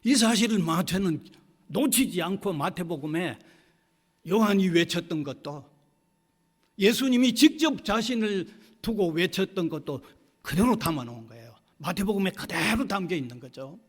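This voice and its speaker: A man's voice: high voice, expressive, normal speed, long reverb tail. A man preaching a sermon as pastor, emphatic and often repeating his key phrases. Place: university church sanctuary.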